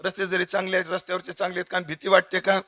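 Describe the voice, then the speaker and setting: A man's voice: high-pitched, monotone, very fast, pushed and bright, no room sound. A man doing a coaxing village mother. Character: soft-spoken, doting village mother.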